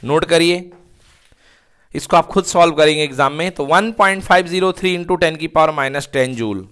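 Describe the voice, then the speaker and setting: A man's voice: on the high side, normal speed, fairly bright tone, clear, resonant tone. A male physics teacher lecturing to students, repeatedly asking questions and answering them himself. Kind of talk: classroom lecture.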